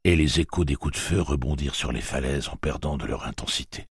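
A man reading a novel aloud as an audiobook narrator, in a measured and even manner. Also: very deep voice, slightly rough, no echo, studio quality. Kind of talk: scripted narration.

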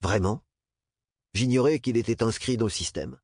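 A man's voice: mid-range voice, normal speed, darkish tone, breathy edge, no room sound, pitched above the performer's own voice. A man voicing a level, dry, commanding military instructor in an audiobook reading. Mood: stern. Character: calm stern military instructor, adult man.

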